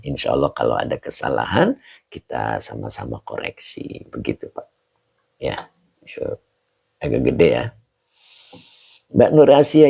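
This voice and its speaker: A man's voice: deep voice, vocal fry, mellow, slightly rough. A man teaching an online lesson on Quran exegesis and Arabic grammar, greeting viewers by name between points. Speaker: religious teacher.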